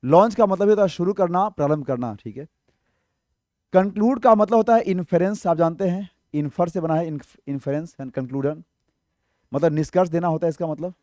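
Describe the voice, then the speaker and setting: A man's voice: on the high side, fairly quick, mellow, no room sound, clean studio sound. A man teaching English vocabulary in an online exam-prep lesson, explaining patiently, asking rhetorical questions and checking in often.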